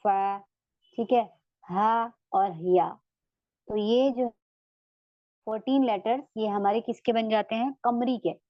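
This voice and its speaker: A woman's voice: high-pitched, no echo, muffled recording. A woman teaching a tajweed lesson online, explaining patiently and repeating examples. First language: Urdu.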